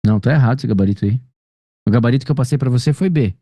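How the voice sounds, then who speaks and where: A man's voice: mid-range voice, rapid-fire, warm tone, no echo, studio quality. A man with a Brazilian accent tutoring a student one-on-one over a video call, explaining patiently and often checking that she follows. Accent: Brazilian Portuguese. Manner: explanatory, checks understanding with frequent tag questions. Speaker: grammar teacher.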